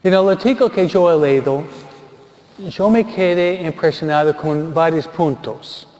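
Slow-speaking priest in an echoing church. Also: male voice, a little high, a little mellow, lo-fi sound. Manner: slow, deliberate storytelling with pauses. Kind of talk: funeral homily.

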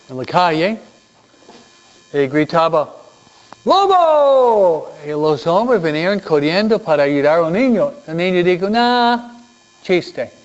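A man giving a Sunday school lesson, telling stories and quizzing the kids. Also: a little high. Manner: animated storytelling with questions to the kids. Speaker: children's teacher. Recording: dull lo-fi recording.

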